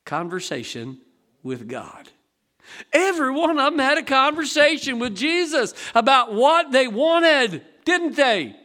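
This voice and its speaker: A male pastor delivers a sermon from the pulpit of a church. His voice sits high and sounds bright and ringing. He tells stories with energy and acts out the voices of the people in them. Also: measured pace. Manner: animated preaching, acting out voices from stories. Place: church sanctuary.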